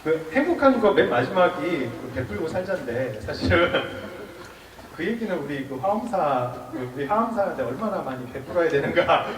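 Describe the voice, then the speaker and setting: A man in his forties, a monk giving a public lecture, lively and quizzing the audience, with acted-out dialogue. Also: a little high, moderate pace, crowd noise. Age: 40s. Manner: lively, asks the audience questions, acts out quoted dialogue. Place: temple lecture hall with audience. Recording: echoey hall, mic from far off, audience around.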